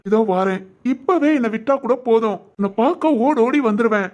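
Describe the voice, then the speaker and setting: A woman voicing an eager young man in love in an animated village family story, with a southern Tamil Nadu accent, speaking affectionately and chuckling often. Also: a little high, a little slow.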